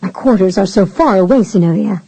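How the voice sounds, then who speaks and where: Hoarse raspy colonel read by a woman, commanding, ardent, dry close sound, audiobook. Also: mid-range voice, brisk, mellow, dry recording, poor audio. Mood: coaxing. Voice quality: hoarse rasp.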